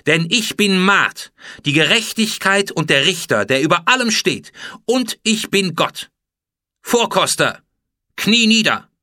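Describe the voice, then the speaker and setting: A man reading a storybook voices a proud, furious woman pharaoh who speaks loudly with cold menace. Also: high-pitched, animated, unhurried, no room sound, studio quality, pitched above the performer's own voice, exaggerated voice. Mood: commanding. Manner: loud, cold and threatening.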